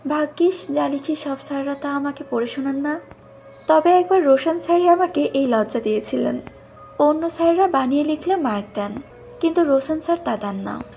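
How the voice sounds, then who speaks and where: Woman narrator, high voice, a touch of vocal fry, first-person storybook reading, faint music underneath. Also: normal speed, mellow. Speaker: audiobook narrator.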